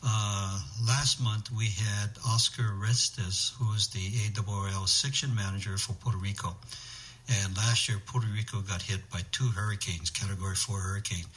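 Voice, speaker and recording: A man with a slightly low voice answers as an interview guest. He explains methodically, setting out points one short phrase at a time. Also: steady tone, moderate pace, fairly bright tone. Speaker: interview guest, amateur radio emergency organizer.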